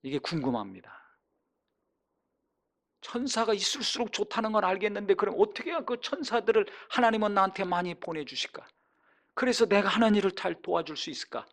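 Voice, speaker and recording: A pastor preaching a sermon, emphatic and full of rhetorical questions, his voice swinging between loud and quiet. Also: high-pitched, big pitch swings, fairly quick.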